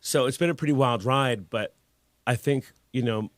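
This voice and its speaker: Recorded with clean, dry studio sound, a man in his forties speaks at a moderate pace and medium pitch. He's a guest artist in a casual interview, telling his story with candor, ease, and some casual swearing.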